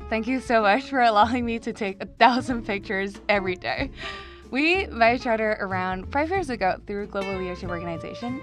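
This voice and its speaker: A young adult woman hosting a podcast, friendly and gushing, with frequent murmured agreement. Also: medium pitch. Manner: friendly, gushing, backchannels often. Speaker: podcast host. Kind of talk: casual interview.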